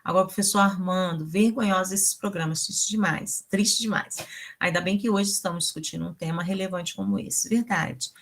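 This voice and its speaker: A woman teacher with a Brazilian Portuguese accent hosting an online talk, telling stories in a lively, animated way. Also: fairly low pitch, moderate pace. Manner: animated storyteller, voices quoted people. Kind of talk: casual conversational talk.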